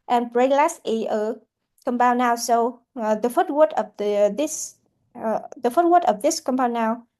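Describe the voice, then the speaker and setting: Slow, halting woman teaching pronunciation. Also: fairly high pitch, darkish tone. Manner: halting with frequent fillers and repeated words. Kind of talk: classroom lesson explanation.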